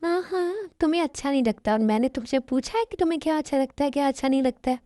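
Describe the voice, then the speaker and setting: A possessive young mafia boss, voiced by a woman, who switches from short-fused scolding to doting pet names. The voice sits a little high and sounds mellow and soft-edged. It is recorded close and dry, with no room sound. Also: fast, no echo, close to an everyday voice. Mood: angry. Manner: scolding then sweet-talking, calls her "my darling". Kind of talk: Hindi fan-dub romance drama.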